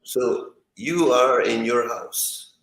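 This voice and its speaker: A man with a mid-pitched voice makes his case step by step in casual talk. He is argumentative and leans on rhetorical questions. The room around him sounds echoey. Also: extremely slow, fairly bright tone, a little hiss or hum. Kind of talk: casual political discussion.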